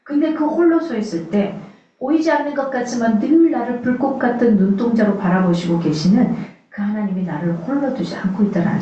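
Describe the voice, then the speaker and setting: Woman pastor, from the far south of Korea, earnest conversational sermon, rhetorical questions, warm mellow tone, distant mic, heavy church echo. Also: medium pitch, a little hiss or hum. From South Korea, Suncheon in Jeolla. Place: church sanctuary. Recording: echoey, distant, dull church recording.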